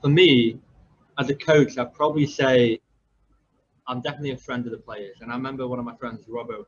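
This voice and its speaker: A man's voice: medium pitch, fairly even intonation, brisk, slightly rough, muffled recording. A man in his twenties, a football coach hosting a podcast, telling stories in a rambling casual way with many fillers. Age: 20s.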